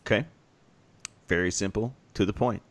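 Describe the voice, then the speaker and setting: A man's voice: lowish voice, moderate pace. A man with an Oklahoma accent hosting a casual podcast in a jokey, rambling way. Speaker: podcast host.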